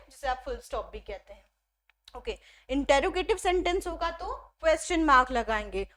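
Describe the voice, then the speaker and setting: Female tutor, young adult, high voice, explains patiently, poses and answers own questions. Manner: explanatory, asks and answers own questions, mixes Hindi with English. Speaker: teacher. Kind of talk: classroom-style grammar lesson.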